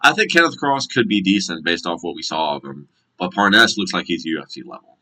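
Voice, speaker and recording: A man's voice: low voice, lively intonation, fairly quick, bright, forceful tone. An American man giving a casual fight recap and prediction vlog, blunt and slangy, swearing often. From United States. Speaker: MMA commentator and predictor.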